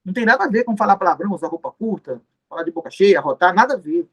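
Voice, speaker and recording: A man's voice: sits high, expressive, racing, slightly rough. A man giving an exam-prep law lecture, explaining step by step, repeating key terms and answering his own questions. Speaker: law teacher.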